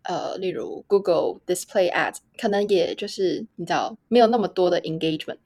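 Woman host on a podcast, kinda low voice, dry close mic. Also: moderate pace, a little mellow, breathy edge, no room sound. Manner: chatty, laughs at herself. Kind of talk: casual podcast interview.

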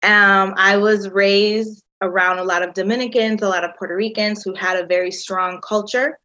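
A woman in her thirties from the United States, founder of a tour company, tells her story in a chatty interview full of "um"s and "like"s. Her mid-range voice is steady, pushed and bright at a normal speed, and the recording is muffled.

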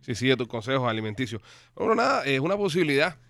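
Man, fast and wry, playful co-host, dry close sound. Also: medium pitch, very animated, creaky, a bit bright, no room sound. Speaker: podcast co-host. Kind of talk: casual chat.

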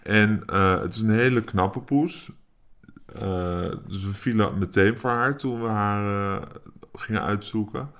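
A man speaking as an anonymous interviewee, his voice disguised by shifting it deeper in pitch, talking hesitantly with many filler sounds. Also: unhurried, fairly bright tone. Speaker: anonymous interviewee, cat owner. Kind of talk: casual interview chat.

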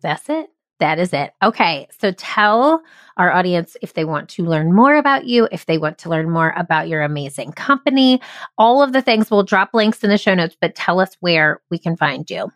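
A woman's voice: lowish voice, lively intonation, normal speed, no room sound, studio quality. A woman hosting a podcast interview, talking in an effusive, enthusiastic, casual way. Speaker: podcast host.

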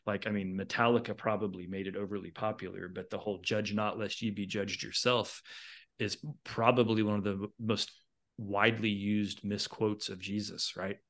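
Low-voiced man making a point in earnest. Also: little pitch movement, moderate pace, fairly bright tone. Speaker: podcast co-host. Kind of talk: casual discussion.

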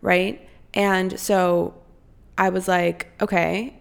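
A woman's voice: on the low side, level tone, extremely slow, vocal fry, smooth. A young woman from Costa Rica hosting her own podcast, chatting candidly and casually at home, swearing freely. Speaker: podcast host. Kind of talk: casual solo podcast chat. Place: her apartment.

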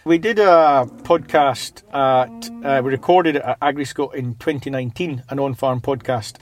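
A man's voice: mid-range voice, moderate pace. A man hosting a podcast in casual conversation. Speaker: podcast host.

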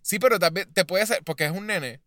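Bright, animated man mixing in English. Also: high-pitched, brisk, no room sound, studio quality. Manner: animated, acts out screams and taunts, mixes in English words. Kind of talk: casual chat reviewing a film.

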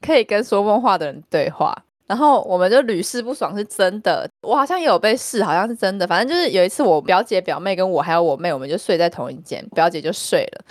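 A woman's voice: medium pitch, fast, few pauses, dry recording, clean studio sound. A woman, a podcast co-host telling stories eagerly in a casual group chat. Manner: animated, eager storyteller.

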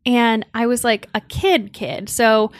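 A young woman from Connecticut, United States, co-hosts a podcast, chatting casually and rambling with lots of "like." Her voice is a little high, steady and slow. The recording is studio quality with no echo.

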